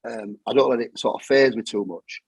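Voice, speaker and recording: A man's voice: mid-range voice, fairly quick, creaky, slightly rough, dry recording, low-quality recording. A middle-aged man with a Yorkshire accent, telling his story in plain-spoken, matter-of-fact talk that often repeats itself. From England. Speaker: guest. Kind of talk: casual storytelling.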